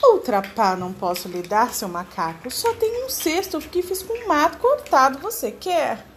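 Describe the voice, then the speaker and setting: Sorry basket lady in a kids story read by a woman, lively voice. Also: high voice, normal speed, slight background noise, pitched above the performer's own voice. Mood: apologetic. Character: troubled grown woman weaving baskets.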